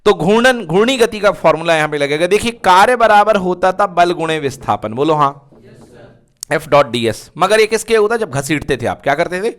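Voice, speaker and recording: A man's voice: high-pitched, expressive, normal speed, fairly bright tone. A man teaching a physics revision lecture, firing questions at his students and answering them himself, repeating key terms in a colloquial, drilling way. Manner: call-and-response, asks and answers his own questions.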